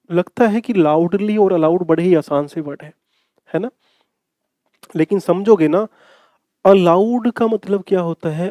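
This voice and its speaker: Brief: male grammar teacher, a little high and mellow, dry close sound, repeats points and quizzes the class. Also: dry recording. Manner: calls students "bhai". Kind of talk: exam-prep grammar lesson.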